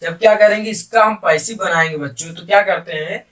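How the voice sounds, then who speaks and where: Here a man delivers a classroom-style grammar lesson in Hindi that uses English terms, his high voice a little bright and his pace fairly quick. He keeps repeating key phrases and quizzing the students he's addressing, and the recording comes from a far-off mic.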